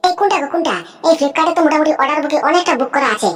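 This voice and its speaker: A greedy, boastful cartoon woman who brags nonstop in a high, racing voice and keeps asking whether you understood, as a woman voices her. Faint music plays behind her. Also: very fast, natural voice. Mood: bragging. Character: greedy boastful snobbish woman, a scheming sister-in-law. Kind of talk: cartoon voice acting.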